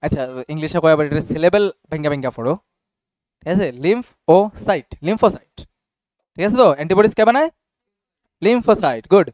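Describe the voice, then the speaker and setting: A man's voice: fairly high pitch, fast, long pauses, a little mellow, no echo, clean studio sound. A young man teaching a class casually and often checking whether students follow. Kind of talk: classroom biology lesson.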